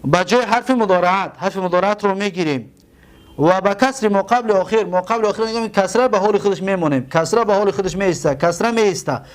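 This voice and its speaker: A man with a Tajik accent teaching a grammar lesson, repeating terms slowly and asking and answering his own questions. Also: high voice. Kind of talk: classroom lesson.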